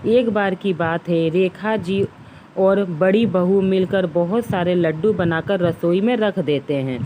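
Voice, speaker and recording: Slow, measured woman storyteller. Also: on the low side, dark tone, slight background noise, poor audio. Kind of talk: scripted story narration.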